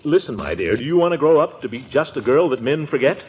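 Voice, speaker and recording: An actor playing a fussy, sentimental middle-aged uncle in a theatrical 1940s radio comedy style, hemming and exclaiming. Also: male voice, mid-range voice, big pitch swings, fast talker, darkish tone, husky. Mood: fussy, flustered. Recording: dull 1940s radio recording with music.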